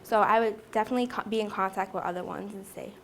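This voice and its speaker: A young woman answers questions from her class after her presentation. She replies casually, in an everyday middle-pitched voice. A faint hiss sits under the recording. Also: fairly even intonation, quick pace. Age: young adult. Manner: casual, laughs softly between answers. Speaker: student presenter.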